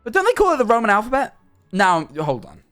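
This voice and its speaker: A young man streaming live, chatting in a rambling, animated, self-mocking way. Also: high-pitched, fairly quick, soft background music. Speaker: livestreamer. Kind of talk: casual stream chat.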